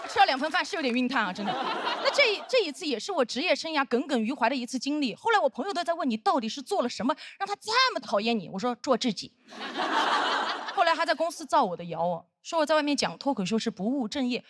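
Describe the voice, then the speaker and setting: A woman's voice: high voice, very animated, fast, fairly bright tone, no room sound, studio quality. A woman in her thirties performing brash, punchy stand-up comedy on a stage before an audience. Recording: noisy live stage recording.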